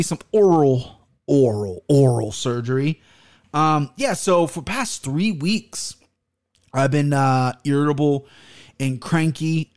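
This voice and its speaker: A man's voice: a little high, a little mellow. An American man hosting a casual solo podcast, rambling bluntly with some swearing while talking with his mouth barely open. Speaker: podcast host.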